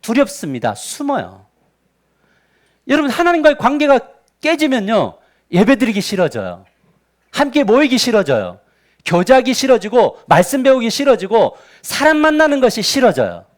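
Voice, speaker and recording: A male pastor preaching a Sunday sermon in a church, lively and quizzing his congregation with rhetorical questions. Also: extremely high pitch, normal speed. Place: church sanctuary.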